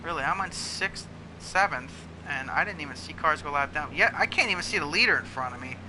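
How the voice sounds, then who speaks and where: A man hosting a gaming video, giving casual, excitable commentary that talks through every moment of his play. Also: fairly high pitch, a little fast. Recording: clear engine noise under voice. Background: racing game car engines.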